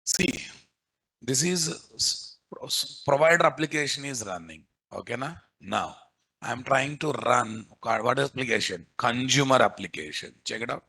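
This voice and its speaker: A man's voice: medium pitch, animated, a little slow, bright, forceful tone, breathy edge. A man with a Telugu accent teaching a live coding class as the instructor, repeating himself and peppering students with questions. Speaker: programming instructor.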